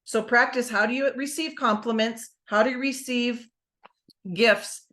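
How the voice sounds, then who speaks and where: A woman giving an energetic, emphatic motivational talk on a group call, asking her listeners questions. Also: fairly high pitch, a little slow. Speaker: motivational speaker.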